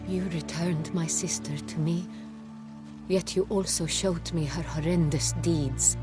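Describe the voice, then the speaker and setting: Game role: a regal duchess, formal and ceremonious, over clear game music. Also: female voice, on the low side. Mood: gentle. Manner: formal, stately court speech. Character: gracious regal duchess, ruler of a realm.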